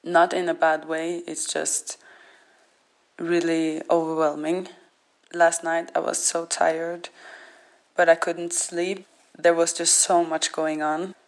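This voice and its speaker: Over background music, a low-voiced woman talks slowly in a level tone with no echo. A musician reflecting on her own life, she speaks hesitantly and thoughtfully, leaving pauses between brief phrases.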